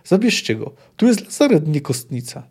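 A man reading the lines of a sharp-tongued young female field medic who is sarcastic and indignant. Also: on the high side, sing-song, normal speed, breathy edge, full character voice.

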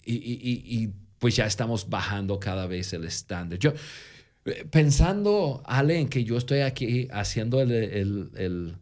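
A man co-hosting a podcast who tells stories in casual Spanish, which is not his first language, with a lingering foreign accent and frequent halting restarts. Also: lowish voice, lively intonation, a little mellow. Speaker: podcast co-host. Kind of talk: casual conversational storytelling.

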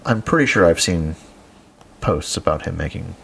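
A man with a low, deep voice talks casually on a podcast, rambling along and chuckling as he goes. Faint room ambience hangs behind him. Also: normal speed, gravelly, a little hiss or hum. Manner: relaxed, rambling, chuckles often. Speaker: podcast co-host. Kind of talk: casual chat about comics.

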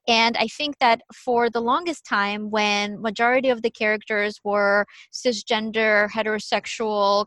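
A woman's voice: medium pitch, dry recording. A woman from Ukraine in a conversational talk, telling personal stories and acting out the lines of people in them. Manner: animated storyteller, acts out quotes. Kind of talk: conversational podcast storytelling.

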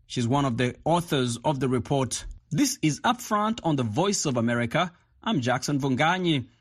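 A man hosting a radio magazine show, reading scripted links and introducing guests in a steady, announcer-like way. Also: mid-range voice, normal speed, slightly rough, dry recording, clean studio sound. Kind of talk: scripted radio presenting and interviewing.

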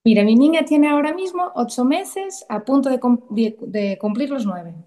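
A Portuguese-born woman in her thirties tells her story as a guest in a casual interview, speaking at a moderate pace in a high, warm voice with lively intonation. She's chatty and emotional and often starts her sentences over.

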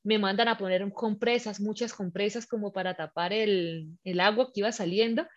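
A woman telling a personal story in casual chat, animated and acting out the scenes with her voice. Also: mid-range voice, normal speed. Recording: slightly muffled lo-fi recording.

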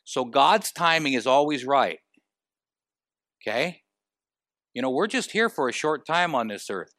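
A man preaching a sermon, asking the congregation rhetorical questions and moving between quiet and emphatic delivery. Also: medium pitch, animated, a little slow, no room sound, studio quality.

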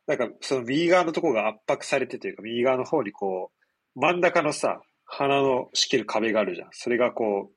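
A man in his twenties with a nasal, stuffed-up, husky voice, chatting casually as a podcast host in a rambling, explanatory way. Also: mid-range voice, expressive, fairly quick. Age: 20s. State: congested after nose surgery. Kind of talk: casual chat.

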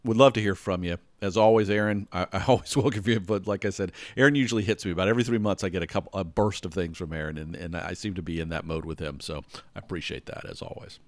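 A podcast host with a lowish voice does a solo show from home, talking quickly in a casual, rambling style, frequently restarting sentences and checking in with listeners. The sound is close and dry, with no echo or room around it.

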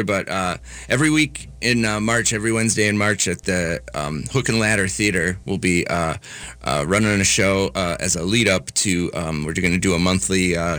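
A man chatting casually as a comedian guest on the radio, halting and hesitant in his phrasing. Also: sits low, fairly bright tone, no echo.

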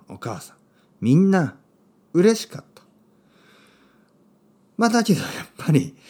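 A man hosting a podcast for Japanese learners, speaking simply with lots of repetition and a playful, expressive delivery. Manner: clear, simple phrasing for learners with repeated words; expressive and playful, with sudden pitch jumps. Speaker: podcast host and Japanese teacher.

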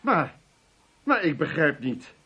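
An actor playing a tipsy, flustered husband who comes home late, bluffing and chuckling in a radio play. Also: male voice, on the high side, big pitch swings, slow, sharp tone, husky, muffled recording, exaggerated voice. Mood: bewildered. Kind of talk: studio radio play acting.

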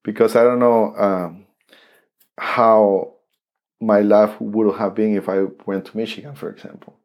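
A man from Costa Rica with a Costa Rican Spanish accent, a native Spanish speaker telling his story in an interview, halting with many restarts and fillers. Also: lowish voice, steady tone, muffled recording. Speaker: interview guest, saxophonist.

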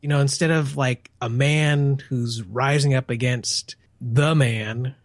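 A man's voice: medium pitch, steady tone, slow pace, dry recording, clean studio sound. A man reviewing a film in casual chat, rambling and peppering his talk with "you know".

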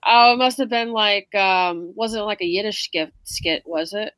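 Female, Brooklyn accent, relaxed casual conversation, mid-range pitch. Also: a little slow, clear, resonant tone. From Brooklyn, New York. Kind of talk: casual chat.

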